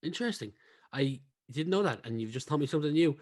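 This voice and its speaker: Guy hosting a podcast, chatty, slightly higher voice. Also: lively intonation, fast talker, darkish tone. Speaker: podcast host. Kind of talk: casual interview.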